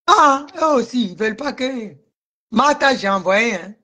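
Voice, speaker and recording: A woman delivers a heated live-stream rant in a bright, forceful voice. She is agitated, repeats herself and answers commenters by name. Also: on the high side, animated, measured pace. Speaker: livestream host.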